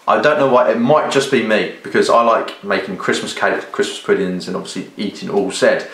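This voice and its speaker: Speaking to camera in a roomy, echoey space with slight background noise, a British man reviews a product in a loose, rambling way. His voice is lowish and a bit bright, and he frequently hesitates and rewords things.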